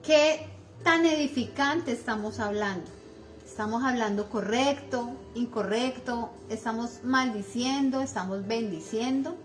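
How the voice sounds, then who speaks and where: A woman's voice: fairly high pitch, measured pace, soft background music. A middle-aged woman with a Colombian accent giving conversational devotional teaching, earnest and acting out everyday remarks, with many fillers.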